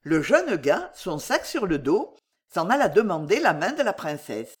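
A woman reading a traditional folk tale aloud in an expressive, measured way. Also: fairly low pitch, slightly rough. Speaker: storyteller.

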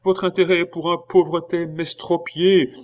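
A man's voice: a little high, little pitch movement, unhurried, voice pushed up, close to an everyday voice. A man doing a pleading clumsy schoolboy. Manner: begging, wheedling.

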